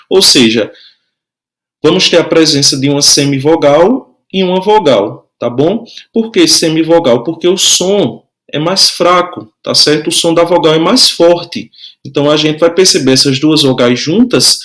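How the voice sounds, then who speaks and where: A man's voice: on the high side, animated, unhurried, a bit bright. A man teaching a grammar lesson, explaining patiently and checking in often with his students.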